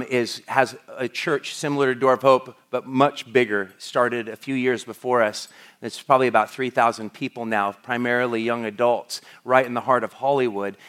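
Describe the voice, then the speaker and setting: Here a middle-aged American pastor gives a sermon in a mid-range, somewhat bright voice. He talks conversationally, restarting sentences often and filling gaps with fillers.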